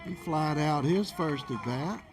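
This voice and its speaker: A man's voice: fairly high pitch, unhurried. A man giving play-by-play baseball commentary for local television from an outdoor game.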